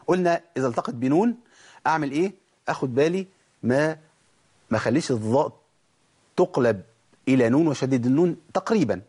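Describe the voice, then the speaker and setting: A man with an Egyptian accent teaching tajweed, sounding out letters slowly and over again and asking the listeners questions. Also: fairly high pitch, a little mellow, slightly rough. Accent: Egyptian Arabic. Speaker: Quran recitation teacher. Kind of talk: tajweed lesson in colloquial speech.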